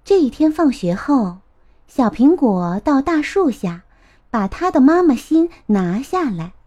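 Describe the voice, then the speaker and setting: A woman narrating a children's storybook in a gentle, expressive way. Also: high-pitched, unhurried.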